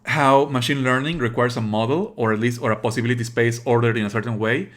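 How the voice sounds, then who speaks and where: A man with a mid-range voice and fairly even intonation streams casual game commentary. He's contemptuous and opinionated, swearing and explaining in a halting way while repeating phrases.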